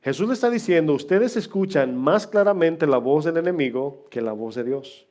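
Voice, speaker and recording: A man's voice: on the high side, animated, moderate pace, darkish tone. A middle-aged man preaching as pastor, chatting with his congregation with humor and questions. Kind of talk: sermon. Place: church.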